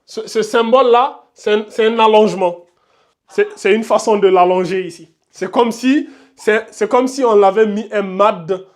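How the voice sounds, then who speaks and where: High-voiced man teaching a live class. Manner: repeats words often, points at symbols on the board; slows right down to chant Quranic examples. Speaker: tajwid teacher.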